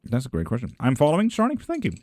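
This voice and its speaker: In a casual livestream, a young tarot reader and witchcraft streamer reads out his viewers' messages, answering with loose jokes and lots of cursing. His darkish voice is on the high side, rapid-fire, with huge pitch swings. There's no room sound.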